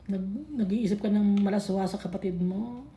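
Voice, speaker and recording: A woman's voice: medium pitch, fairly even intonation, moderate pace, dark tone, slight background noise. A woman teaching a casual Bible study in mixed Tagalog and English, chatty and scolding, laughing often. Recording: echoey room.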